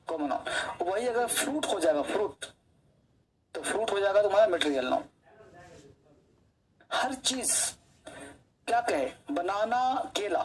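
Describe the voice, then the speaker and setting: A man's voice: high voice, rough recording. A male English teacher giving an online coaching lecture, chatty, who keeps quizzing his students and tells personal stories while he teaches.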